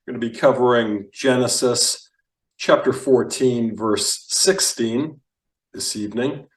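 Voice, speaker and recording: A man teaching Biblical Hebrew reading, slow and careful, enunciating each word. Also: mid-range voice, echoey room, far from the mic, low-quality recording.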